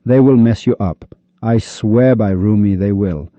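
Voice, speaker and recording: A man's voice: fairly low pitch, mellow, no room sound. Scolding man from Iran, dull lo-fi audio. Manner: scolding, insulting, rapid-fire rhetorical questions. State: upset. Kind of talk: heated religious monologue. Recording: dull lo-fi recording.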